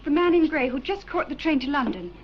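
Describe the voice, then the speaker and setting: A worried young heroine, bright-pitched and urgent, 1960s film sound. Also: female voice, lively intonation, fairly quick, dull audio, slight background noise. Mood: earnest. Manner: urgent, pleading questions. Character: anxious young woman hunting for her missing friend. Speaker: actress in a 1960s horror film.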